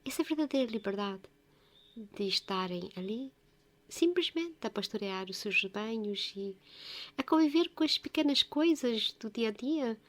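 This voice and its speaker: Soft-spoken woman. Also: on the high side, animated. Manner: gentle, halting, often dropping to a whisper. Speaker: religious video presenter. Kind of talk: spiritual reflection.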